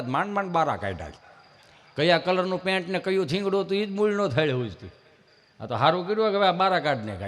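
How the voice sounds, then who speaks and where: Man, Saurashtra Gujarati accent, folk comedian, high voice, stage mic, long hall reverb. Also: fairly bright tone. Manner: chatty storyteller with quoted dialogue. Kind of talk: live folk comedy storytelling.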